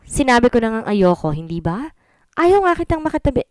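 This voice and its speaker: A woman's voice: on the high side, big pitch swings, fairly quick, darkish tone, no room sound, studio quality, voice pushed up. A woman voicing a hurt young wife who refuses sharply and then reproaches through tears, in a storybook reading. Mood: refusing.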